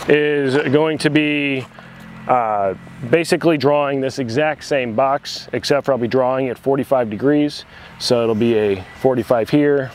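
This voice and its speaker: A man in his thirties casually explaining a woodworking build outdoors in a rural yard, relaxed and full of fillers. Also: mid-range voice, a little hiss or hum. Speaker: woodworking YouTuber.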